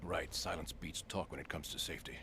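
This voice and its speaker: An American actor playing a guarded, brisk male secret agent in a video game, in hushed tones. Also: deep voice, flat delivery. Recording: game audio with clear background noise.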